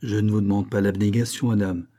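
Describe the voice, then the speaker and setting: A man voicing a weary, resigned king in an audiobook, calm and measured. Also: fairly low pitch, natural voice. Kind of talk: audiobook character reading.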